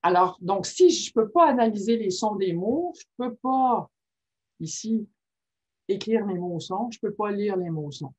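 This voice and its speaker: Husky woman presenter. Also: mid-range voice, a little slow. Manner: checks in constantly with "ok?", lively and informal. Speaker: workshop presenter on reading disorders. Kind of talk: conversational teaching talk. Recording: muffled lo-fi recording.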